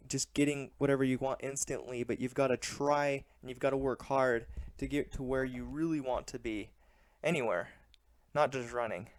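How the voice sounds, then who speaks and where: A man narrating a vlog recap as a vlogger, in a plain, measured and earnest way. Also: mid-range voice, no room sound, clean studio sound. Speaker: running vlogger.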